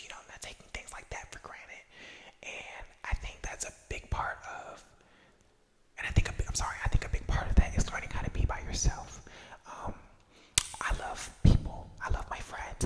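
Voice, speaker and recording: An ASMR creator of unclear gender whispering a casual, reflective personal ramble in a hesitant, self-correcting way, with an echo effect on the voice. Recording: long echoing reverb on whisper.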